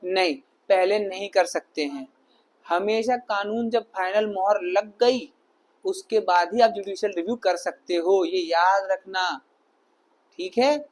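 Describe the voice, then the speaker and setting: A male teacher giving an animated classroom lecture, often asking rhetorical questions and acting out examples. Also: high voice, measured pace, poor audio. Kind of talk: classroom lecture in mixed Hindi and English.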